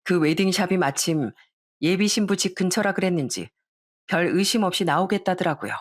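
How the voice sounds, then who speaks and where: A woman reading a dramatic first-person story in a measured, storytelling manner. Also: fairly low pitch, animated.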